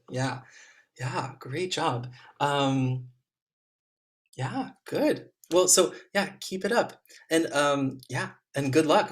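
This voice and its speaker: A man with a mid-range voice acts as a competition juror, offering young players gentle, encouraging feedback over a video call and saying "um" a lot.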